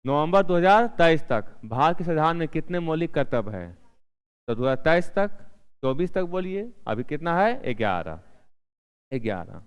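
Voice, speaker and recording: A man teaching an exam-prep class. His voice is a little high and clear, and the room behind it has a long reverb. He asks a question, answers it himself and repeats the answer. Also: sing-song, normal speed. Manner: repeats key answers several times.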